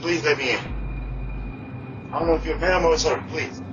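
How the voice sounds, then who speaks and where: A man's voice: fairly high pitch, fairly quick, background noise. A distressed man pleading urgently into a doorbell intercom outdoors at a front door. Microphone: doorbell camera microphone. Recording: muffled far-off doorbell camera audio, music behind.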